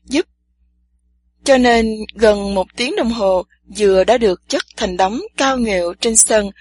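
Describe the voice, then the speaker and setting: A woman narrating a story gently and evenly. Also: medium pitch, breathy edge.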